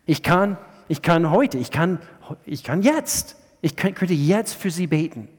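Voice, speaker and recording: A man preaches a sermon in a slightly raised voice, with a long reverb trailing each phrase as in a church hall. He swings from loud, emphatic lines down to soft, hushed asides. He often halts and restarts his sentences. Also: a little high, animated, husky. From USA. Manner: halting, with frequent restarts. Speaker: pastor.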